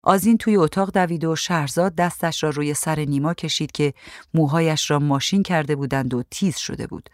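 A woman reading a story aloud in a calm, even voice. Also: low voice, no room sound, clean studio sound. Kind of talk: storybook narration.

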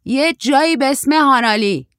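A woman's voice: sits high, expressive, a bit bright, no room sound, studio quality, pitched above the performer's own voice. A woman voicing a tall, lanky young male surfer who is shy but blunt and naive. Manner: naive, chatty, raised youthful delivery.

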